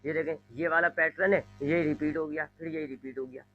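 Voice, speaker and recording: A man's voice: on the high side, steady tone, fairly quick, sharp tone. Man, physics teacher, repetitive explaining, dull lo-fi sound, faint music behind. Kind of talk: classroom lecture.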